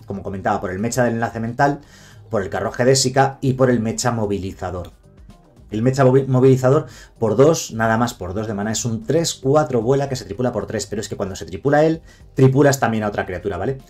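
A man's voice: lowish voice, darkish tone. A man with a Spain Spanish accent giving a casual card deck guide, chatty and correcting himself as he speaks straight to his viewers. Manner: fast, chatty, self-correcting, addresses viewers directly. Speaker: card game content creator.

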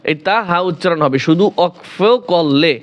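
A man teaching Quran recitation rules in a slow, repetitive lesson. He asks questions, answers them himself, and stretches out recited examples. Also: a little high, fairly even intonation.

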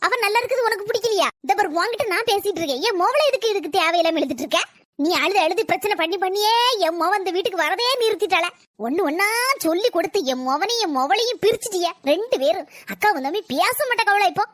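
Woman voicing a shrill, sarcastic old mother-in-law. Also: expressive, fast, fairly bright tone, no echo, studio quality. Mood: bitter. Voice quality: scolding, sarcastic. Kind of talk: cartoon voice acting.

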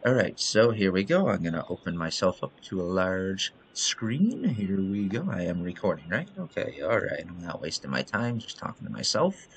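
A man's voice: deep voice, sing-song, moderate pace, hardly any pauses, a little hiss or hum. A man hosting a casual let's-play of his game, talking in a playful, joking way with frequent self-amused asides. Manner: playful, jokey, sings and laughs at himself. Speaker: gaming channel host. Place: indoors at home by a window.

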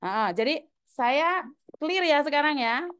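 Scolding high-voiced woman host. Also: animated, slow, a bit bright. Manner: scolding, insistent, repeats "loh" often. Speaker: host taking callers. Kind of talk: heated call-in chat.

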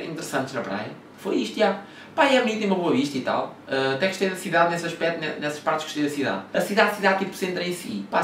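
A man's voice: medium pitch, a bit bright, slight background noise. A young man from Portugal with a Lisbon slang accent, telling travel stories in a casual, rambling way, full of swearing and fillers. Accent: European Portuguese, Lisbon slang. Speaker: vlogger. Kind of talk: casual storytelling. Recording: echoey room, mic at a distance.

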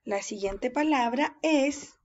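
A woman teaches young children to read at a very slow, careful pace. She draws words out syllable by syllable and says each one patiently. Her voice sits a little high, and the recording sounds dull and lo-fi. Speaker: first-grade teacher. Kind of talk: reading lesson for young children.

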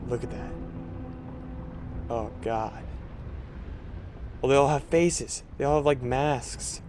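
A man records let's play commentary for a horror game, mostly talking in a slow, hushed murmur at a middle pitch. He breaks into startled, spooked exclamations now and then. Faint noise sits under his voice. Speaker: gaming YouTuber.

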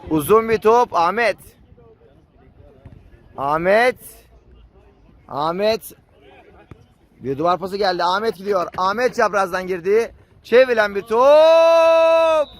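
A man commentating live on an amateur football match, screaming drawn-out goal calls. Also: high-pitched, fairly bright tone.

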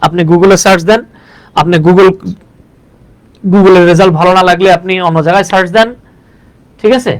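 A man's voice: high voice, fairly even intonation, moderate pace, long pauses, low-quality recording. A man from Bangladesh giving a chatty live English lesson, teaching in Bengali and calling viewers brother.

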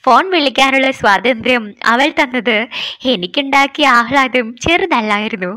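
High-voiced woman narrating a story. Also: no echo. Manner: steady, measured first-person storytelling.

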